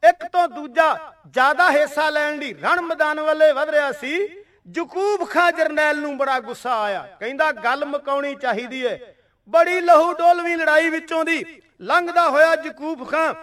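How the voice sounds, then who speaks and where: A man's voice: extremely high pitch, fairly bright tone. A man narrating a historical battle as a religious storyteller, in a dramatic, rhythmic recital that breaks into sung verse. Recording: distant mic.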